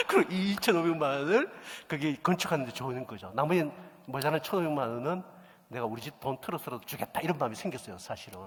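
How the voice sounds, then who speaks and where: Animated male pastor in an echoey hall. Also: mid-range voice. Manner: animated storytelling, acts out quoted dialogue. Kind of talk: sermon storytelling. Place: church sanctuary. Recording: echoey church hall reverb.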